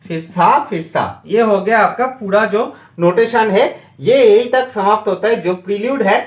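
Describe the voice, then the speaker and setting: A man's voice: high-pitched, normal speed. Man teaching harmonica notation, echoey room. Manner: reads out note names, often checks understanding. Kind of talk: step-by-step music lesson.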